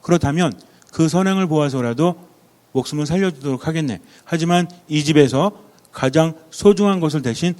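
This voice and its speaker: A man voicing a solemn male angel of death who speaks slowly and measuredly. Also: on the high side, darkish tone, big-room sound, lightly acted. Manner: slow and measured.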